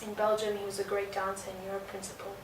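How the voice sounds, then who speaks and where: A woman, a dancer answering interview questions in an earnest, reflective way, pausing on fillers. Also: mid-range voice, completely flat delivery. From South Africa. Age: early 20s. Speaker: guest dancer. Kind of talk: conversational interview. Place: indoor art venue. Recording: roomy, distant mic, noisy background.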